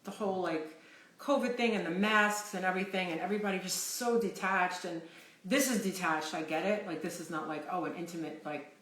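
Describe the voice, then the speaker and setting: Chatty mom telling ghost stories, roomy echo. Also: female voice, on the low side, brisk, fairly bright tone. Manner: rambling, chatty, swears freely. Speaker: livestream host. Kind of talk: casual storytelling on a livestream.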